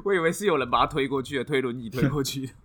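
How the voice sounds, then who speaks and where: A man's voice: medium pitch, very fast, fairly bright tone. A man with a Taiwanese Mandarin accent co-hosting a podcast, bantering with crude, teasing jokes. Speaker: podcast co-host. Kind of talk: casual comedic chat.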